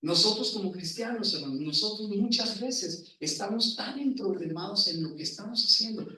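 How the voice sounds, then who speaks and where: A man's voice: high voice, animated, bright, forceful tone, slight background noise. A man preaching a sermon in a church, often asking the congregation questions. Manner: asks the congregation questions, slow emphatic phrasing. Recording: echoey room, voice from far off.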